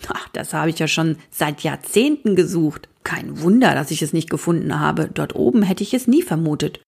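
A woman narrating a children's story in the first person, lively and expressive. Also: low-pitched, moderate pace, creaky, breathy edge. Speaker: audiobook reader.

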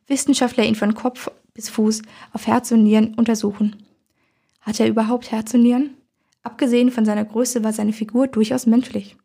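A woman narrating a first-person story in a calm, even storytelling manner, with a gravelly, husky voice. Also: on the high side.

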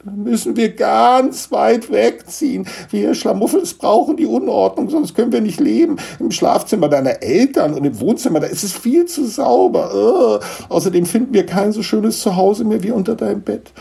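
A man voicing a small, bearded male dust gnome in a storybook reading, fussy and excitable with a gravelly, husky voice. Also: medium pitch, measured pace, pitched above the performer's own voice, full character voice. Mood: wailing. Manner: fussy, excitable, tearful complaining.

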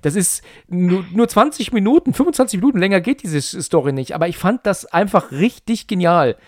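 A man in casual podcast chat, excitedly retelling a film plot, full of fillers and restarts. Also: high voice, a little fast, dry recording, clean studio sound. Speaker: podcast co-host.

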